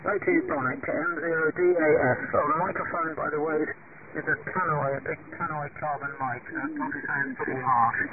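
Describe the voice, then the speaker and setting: A man's voice: a little high, lively intonation, a little fast, a crowd in the background. Man on a harsh old carbon mic. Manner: chatty, technical, hesitant with fillers. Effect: harsh old carbon microphone sound. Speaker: ham radio operator. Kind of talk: on-air radio net check-in. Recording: tinny noisy shortwave radio from far off.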